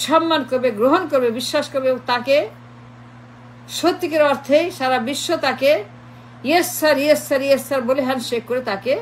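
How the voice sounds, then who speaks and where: A woman's voice: high-pitched, brisk, slight background noise. A woman delivering a mocking political monologue, piling up repeated insults and dropping into English phrases. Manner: repetitive, mocking lists of insults, switches into English. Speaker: political commentator.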